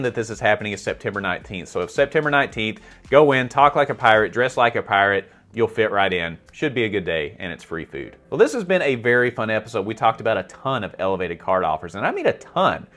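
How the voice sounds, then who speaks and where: A man's voice: medium pitch, animated, fast, few pauses, fairly bright tone. A middle-aged man hosting a vlog in a chatty, self-deprecating way, often asking viewers for their opinions. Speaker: host. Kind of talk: casual vlog commentary.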